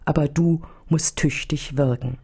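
A woman's voice: low-pitched, steady tone, unhurried, mellow, slightly rough, exaggerated voice. Woman voicing fussy old nun-nurse. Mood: fretting prayer. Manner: fussy, sighing, praying aloud. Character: kindly pious old nun-nurse, childlike cheer.

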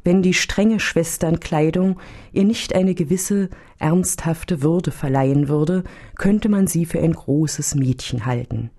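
A woman narrating a story in a calm, even reading voice. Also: deep voice, slow, slightly rough.

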